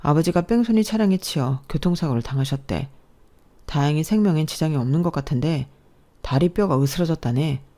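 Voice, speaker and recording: A woman's voice: deep voice, animated, a little fast, dark tone. A woman voicing a loyal young husband who hurriedly passes on urgent family news.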